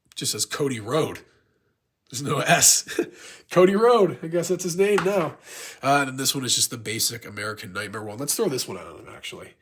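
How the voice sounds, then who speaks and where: Congested, husky man rambling enthusiastically. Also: medium pitch, a bit bright. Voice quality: congested, stuffy-nosed. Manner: rambling, gushing fan enthusiasm. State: sick with a blocked nose. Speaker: YouTube toy collector and reviewer. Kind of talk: casual unboxing review.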